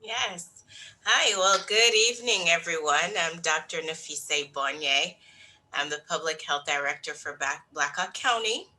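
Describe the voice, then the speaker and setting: Low bright-voiced woman, hesitant. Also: measured pace, slight background noise, low-quality recording. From Niger. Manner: hesitant, many fillers and restarts. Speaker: public health director. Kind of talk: panel introduction.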